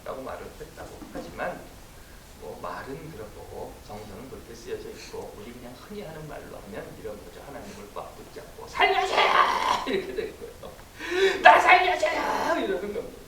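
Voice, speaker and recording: A man preaching a sermon as pastor, telling the story in an animated way and acting out cries and inner thoughts. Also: mid-range voice, fast. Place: church sanctuary. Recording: echoey church room, mic from a distance, faint hiss.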